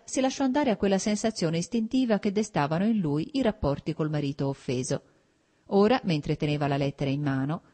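Mellow low-voiced woman narrating a novel. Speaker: audiobook narrator. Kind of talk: literary audiobook narration.

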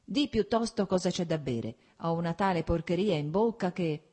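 A woman's voice: on the low side, expressive, normal speed, mellow, pitched above the performer's own voice. A woman voicing a scruffy, hungover young officer who jokes and teases in a mock-solemn way. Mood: grumpy sleepy.

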